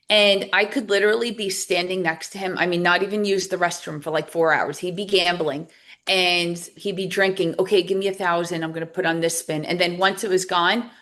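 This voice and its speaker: A woman's voice: lowish voice, a bit bright. A woman, a guest telling her own story in a podcast interview and acting out both sides of old arguments. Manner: candid, acts out both sides of past conversations. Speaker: guest author and recovery coach.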